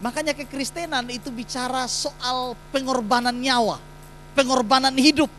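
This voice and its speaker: A man's voice: very high voice, steady tone, moderate pace, a bit bright, slight background noise, poor audio. A man, preaching a sermon in a church and putting emphatic rhetorical questions to the congregation. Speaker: pastor.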